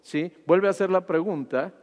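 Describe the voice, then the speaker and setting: A male preacher with a fairly high voice retells scripture to his congregation, again and again asking "¿sí?" as he goes. His sermon rings through a hall with a long reverb. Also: moderate pace, darkish tone. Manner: asks the congregation "¿sí?" constantly, retelling scripture with rising fervor.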